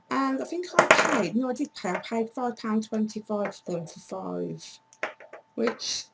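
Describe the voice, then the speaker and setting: A woman talks casually to camera in a home vlog, her voice hoarse and cracking as it fades. She is chatty and blunt, swears easily, and speaks at a middling pitch for a woman. A faint hum sits under the recording. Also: poor audio. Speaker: vlogger.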